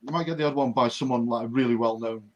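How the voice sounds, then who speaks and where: A man's voice: mid-range voice, fairly even intonation, quick pace, lo-fi sound, over a noisy crowd. Rambling man in casual chat. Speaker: comic creator guest.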